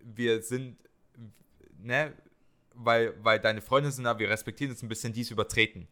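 Bright-voiced young man telling a story. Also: mid-range voice, moderate pace. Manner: animated storyteller, acts out quotes in raised voice. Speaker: podcast co-host. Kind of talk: casual chat.

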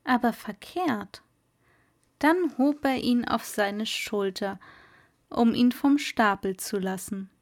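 A woman reading a fairy tale aloud in a slow, measured storyteller manner. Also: on the high side, no echo, studio quality.

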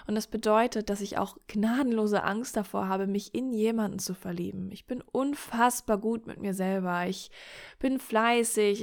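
A woman hosting a podcast, talking in an earnest, self-disclosing monologue straight to the listener, slowing down to repeat key phrases. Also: mid-range voice. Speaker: podcast host. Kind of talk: reflective personal monologue.

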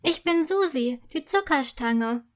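A woman voicing a small, cheerful female candy cane with a high voice, kind and helpful. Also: expressive, unhurried.

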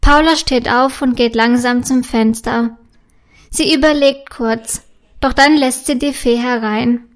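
A woman narrating a children's story in a calm, clear, even storytelling manner. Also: sits high, unhurried.

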